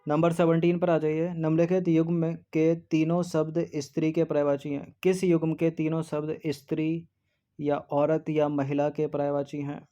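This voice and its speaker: A man's voice: a little high, flat delivery, moderate pace, warm tone. A man teaching exam preparation, reading out answer options and eliminating them one by one in a methodical way. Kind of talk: explaining a Hindi test paper. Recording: dull lo-fi recording.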